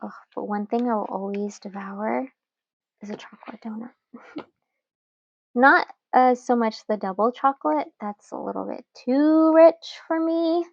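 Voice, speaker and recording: A young woman talks through her journaling in a slow, unhurried way, her voice sitting a little high. She is relaxed and giggly, with plenty of fillers. The sound is dry and close, with a slightly dull, lo-fi tone. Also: vocal fry, no room sound. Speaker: journaling channel host. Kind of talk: casual chat while journaling.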